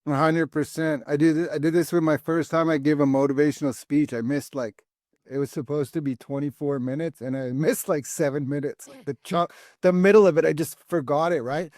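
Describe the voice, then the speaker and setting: A man's voice: a little high, steady tone, fairly quick, a little mellow, no room sound, studio quality. A man hosting a podcast, chatty and affirming, with a few digressions. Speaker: podcast host. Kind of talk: casual podcast conversation.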